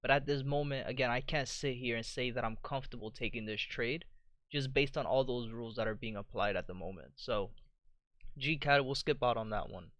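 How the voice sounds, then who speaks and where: A man hosting a live trading stream, walking through charts in a relaxed way and often checking in with "you know" and "right?". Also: mid-range voice, fairly quick, no echo, lo-fi sound. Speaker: trading livestream host. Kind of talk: live market commentary.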